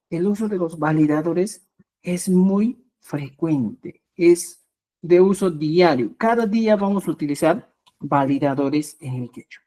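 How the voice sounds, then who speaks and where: A woman teaching a live online language class, explaining slowly and repeating herself, with a constant "¿ya?" to check her students follow. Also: on the low side, warm tone. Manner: slow, repetitive explanations with rising emphasis.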